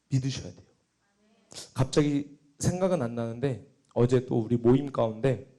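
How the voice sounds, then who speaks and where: Lively high-voiced male preacher. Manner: emphatic, swings from loud exclamations to hushed quotes. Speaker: junior pastor. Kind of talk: sermon.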